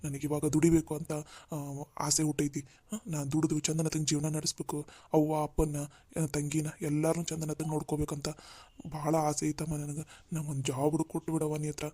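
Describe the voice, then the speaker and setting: A man voicing a humbled, jobless older brother in a cartoon drama, speaking gently. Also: on the high side, monotone, fairly quick, no room sound, close to an everyday voice. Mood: gentle. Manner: gentle, pleading, dialect-heavy.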